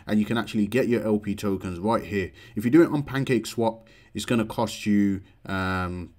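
A man's voice: fairly low pitch, brisk. A man in his thirties hosting a casual screen-share tutorial from a room at home, talking into a desk webcam setup. He walks through each step with frequent "um" and "uh" and closes almost every point with "okay, guys" or "all right, guys?". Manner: steady explanatory walkthrough with frequent "um" and "uh". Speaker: crypto channel host.

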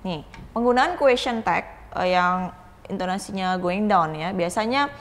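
A woman English lecturer giving a recorded video grammar lesson in a casual, explanatory way, often pausing on "eh" and slowing to stress example phrases. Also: medium pitch, expressive. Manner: casual explanatory teaching with frequent "eh" fillers and tag-like "gitu ya".

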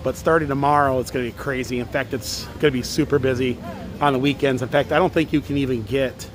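A man's voice: medium pitch, steady tone, fast, over music. Masked man vlogging at a theme park. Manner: chatty, addresses viewers as guys. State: talking through a face mask. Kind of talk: casual theme park vlog.

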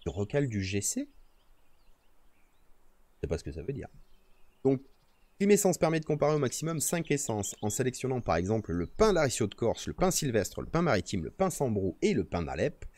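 A man's voice: medium pitch, sing-song, a little fast, darkish tone, no room sound. A man streaming outdoors, talking casually to himself and his viewers while fiddling with his microphone settings. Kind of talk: casual live-stream chat. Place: outdoors in nature. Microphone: streaming microphone with noise gate.

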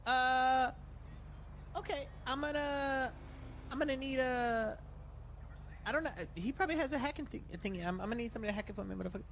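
A woman's voice: high-pitched, fast, long pauses, slight background noise. A woman chatting in a role-play game, hesitant and rambling with many fillers. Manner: hesitant, rambling, lots of uhs. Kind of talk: casual in-game banter.

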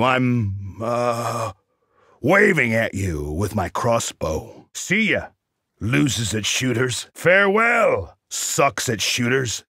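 Game casting: wry, predatory big-game hunter mercenary. Husky and forceful, sardonic, punchy combat barks. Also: male voice, mid-range voice, no room sound, clean studio sound, exaggerated voice. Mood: sardonic taunting. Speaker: video game character.

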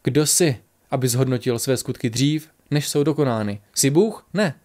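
A man voicing a wise male sage who counsels calmly and instructively in a storybook. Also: medium pitch, lightly acted. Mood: counselling. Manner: calm, instructive.

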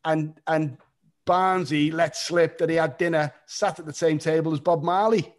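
A middle-aged man hosting a casual chat over a video call, eager and chatty and quick to laugh. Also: a little high, steady tone. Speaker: host. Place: home room, indoors.

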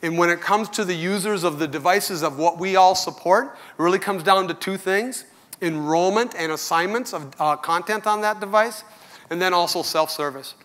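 A man's voice: sits high, moderate pace, a bit bright. A middle-aged man on a large conference stage giving a keynote speech to customers, in an earnest, conversational and candid manner, speaking into a headset mic. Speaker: company executive giving keynote.

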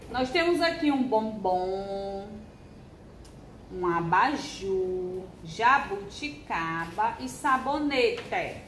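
A woman teaching a first-grade handwriting lesson with a Brazilian Portuguese accent, drilling syllables in a slow, sing-song way and stretching out words. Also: high voice. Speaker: primary school teacher. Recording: echoey room with faint hiss.

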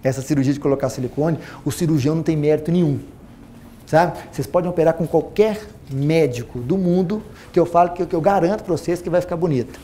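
Man, Minas Gerais accent, forties, surgeon lecturing, lapel mic, auditorium, warm low voice, faint hum. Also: quick pace. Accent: Brazilian Portuguese, Minas Gerais. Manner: animated, repeats phrases for emphasis, acts out patients' quotes. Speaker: plastic surgeon giving a talk. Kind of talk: lively seminar talk to an audience. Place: auditorium stage with a large audience.

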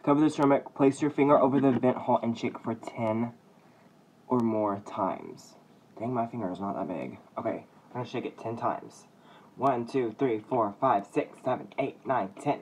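Filming on a phone at arm's length, this young vlogger chats playfully and casually while cooking at home. His voice is mid-range and a little mellow, at a moderate pace, and the kitchen is noisy with clattering dishes and clicks.

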